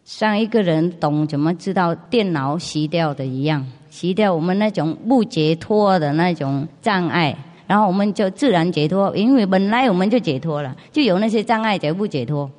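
In the long reverb of a large hall, a woman from outside China, whose first language isn't Mandarin, speaks simple accented Mandarin as a spiritual master answering questions informally, often with rhetorical questions. Her voice sits on the low side with a darkish tone and lively intonation, at a moderate pace with few pauses.

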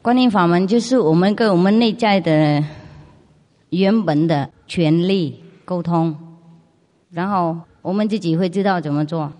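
A woman's voice: lowish voice, a little slow, dark tone. A woman with a foreign accent speaks simple, non-native Mandarin as a spiritual master answering questions informally, often with rhetorical questions. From outside China. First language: not Mandarin. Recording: long reverb of a large hall.

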